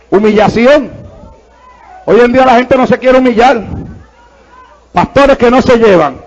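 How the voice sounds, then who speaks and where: A man's voice: very high voice, lo-fi sound. A male pastor, preaching a fervent sermon full of praise interjections.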